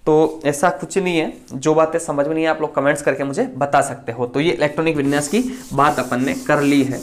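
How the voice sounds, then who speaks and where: A man teaching a chemistry lecture online, speaking quickly and explaining step by step, often asking a question and then answering it himself. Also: a little high, fairly even intonation.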